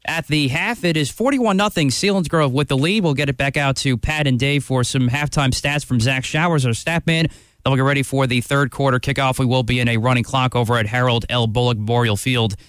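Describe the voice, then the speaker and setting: A man hosting a radio sports show, recapping scores and introducing highlight clips. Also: brisk, fairly bright tone, smooth, dry recording, studio quality. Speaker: radio halftime host.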